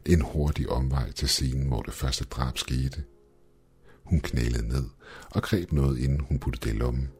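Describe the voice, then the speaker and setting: Very deep-voiced male horror narrator. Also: darkish tone. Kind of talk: first-person horror story narration. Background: faint background music.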